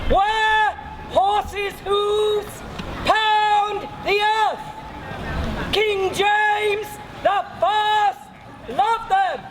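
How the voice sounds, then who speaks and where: A man crying out a town crier's proclamation in loud, drawn-out bursts of a few words. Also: very high voice. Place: outdoors in a town. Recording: noisy outdoor recording with crowd.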